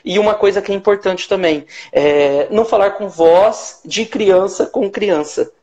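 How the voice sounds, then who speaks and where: A man's voice: high-pitched, measured pace, darkish tone. A Brazilian man, a hypnotherapist, explaining his methods emphatically in a live-stream interview. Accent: Brazilian Portuguese. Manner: explanatory, emphatic, acts out short quoted lines. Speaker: hypnotherapist guest.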